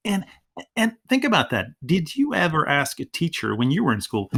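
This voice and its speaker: Here the same kind of speaker, a Swedish man who teaches ESL, talks casually as a podcast interview guest in his second language, English. His fairly high voice swings hugely in pitch, sounding creaky, husky and a bit bright at a moderate pace, as he restarts often and plays out classroom exchanges.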